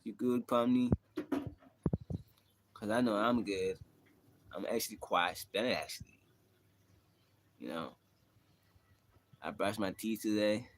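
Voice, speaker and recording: A man's voice: fairly low pitch, slow pace, pauses often. A young man from South Africa with a South African accent, chatting loosely on a livestream as a rapper, rambling with many fillers. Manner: rambling, laid-back, frequent "you know" fillers. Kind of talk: casual livestream chat. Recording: faint background noise.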